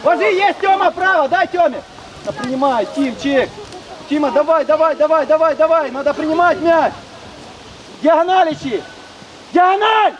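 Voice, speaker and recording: High-pitched man coaching football over loud wind. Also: normal speed, far from the mic, highs cut off. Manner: urgent, repetitive, clipped commands and names. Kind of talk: shouted touchline instructions during a match. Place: outdoors at a football pitch touchline. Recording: windy outdoor noise, loud and rough.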